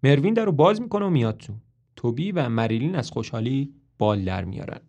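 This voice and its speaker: A man narrates the story of a stage play for a podcast. His delivery is measured and plain. His pitch sits in the middle range. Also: animated, darkish tone.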